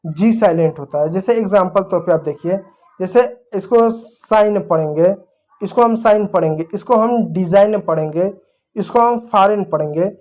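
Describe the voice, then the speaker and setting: A woman's voice: medium pitch, moderate pace, darkish tone. A woman teaching English spelling rules, patiently repeating each point and spelling words out letter by letter.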